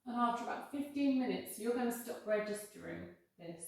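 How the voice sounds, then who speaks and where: A woman yoga instructor with a fairly high voice gives careful, unhurried guidance. Her manner is reassuring as she leads the class. The sound is heavily reverberant and somewhat distant. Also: animated, vocal fry. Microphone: worn mic near the face. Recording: very echoey room, distant-sounding.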